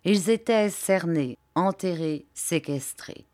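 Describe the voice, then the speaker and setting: Woman audiobook narrator, measured and expressive, slightly low voice. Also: dry recording. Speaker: audiobook reader. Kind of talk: scripted narration.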